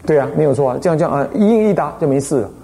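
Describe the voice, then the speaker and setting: A man with a Taiwanese Mandarin accent gives a lively Buddhist dharma lecture as an abbot. He tells stories and keeps asking the listeners rhetorical questions. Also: fairly high pitch, rapid-fire, creaky. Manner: animated storytelling, frequent rhetorical questions.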